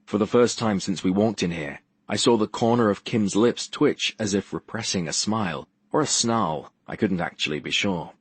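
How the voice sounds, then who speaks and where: A man's voice: on the low side, normal speed, few pauses, husky, no room sound. A man narrating a first-person audiobook with a wry, dry wit.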